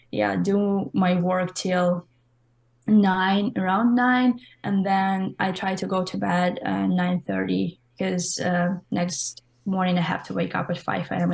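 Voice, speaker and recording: In a creaky, mid-range voice, a young Russian woman with an accent to match chats through an interview about being a college swimmer. She keeps it casual and loosely phrased, saying "like" a lot.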